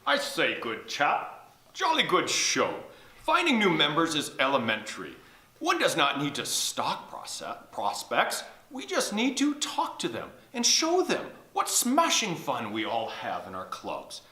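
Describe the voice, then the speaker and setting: A hearty, pompous British explorer type with plummy exclamations, as a man puts him on. The voice is bright and sharp and leaps all over its range. It sits in an echoey room. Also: fairly high pitch, huge pitch swings, unhurried, exaggerated voice. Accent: British, put on.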